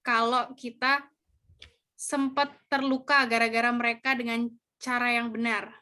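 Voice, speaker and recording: Bright, high-voiced woman moderator. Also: level tone, unhurried. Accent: Indonesian. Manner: friendly, reads out audience questions. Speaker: webinar moderator. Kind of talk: casual webinar moderation. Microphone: video call.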